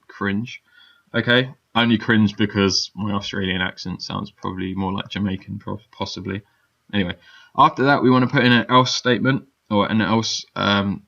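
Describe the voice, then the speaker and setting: Low, chatty man with a dull lo-fi sound. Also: fairly bright tone. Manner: chatty, loose, many fillers and check-in "yeah?"s. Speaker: game development teacher. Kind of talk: casual screen-recorded software tutorial.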